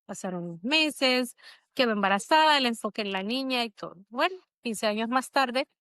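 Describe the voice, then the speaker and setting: A woman's voice: a little high, lively intonation, moderate pace, fairly bright tone, dry recording. A middle-aged woman, an interview guest, telling a personal story in a reflective, emotional way. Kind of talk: conversational interview.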